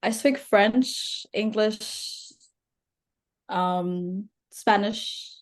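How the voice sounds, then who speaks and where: A young Rwandan woman, a native Kinyarwanda speaker, appears as a podcast guest in casual conversation, thinking aloud earnestly. Her mid-range voice moves very slowly.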